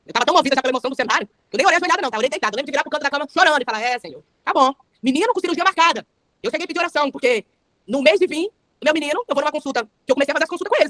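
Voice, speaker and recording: A woman's voice: high-pitched, fairly bright tone, no room sound. A young adult woman with a Brazilian Portuguese accent, giving a fervent testimony sermon with a repetitive preaching cadence.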